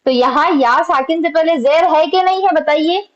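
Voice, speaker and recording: A woman's voice: high-pitched, moderate pace, dull audio. A woman teaching an online Urdu lesson, patiently explaining letters and quizzing her students.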